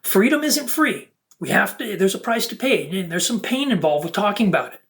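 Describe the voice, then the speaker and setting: A content creator with a medium-pitched, slightly bright voice talks fairly quickly and with lively intonation. Unscripted and preachy, the monologue is aimed at viewers and comes out in emphatic, broken-up phrases.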